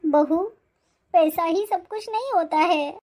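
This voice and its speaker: Performer doing an elderly mother-in-law, very high voice, tearful and apologetic, animated moral story. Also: slow pace. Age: older. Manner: scolding, then tearful and apologetic. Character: aging village mother-in-law, proud then remorseful.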